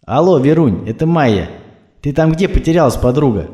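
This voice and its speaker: A man's voice: fairly high pitch, lively intonation, fairly quick, warm tone, pitched above the performer's own voice, close to an everyday voice. A man voicing a chatty young woman friend. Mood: friendly. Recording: roomy echo.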